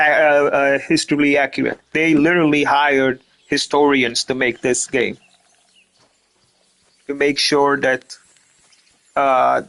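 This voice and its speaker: A Romanian gaming streamer offers casual gameplay commentary in a mid-range, fairly bright voice, captured on a rough recording. He rambles, trips over repeated words and swears now and then.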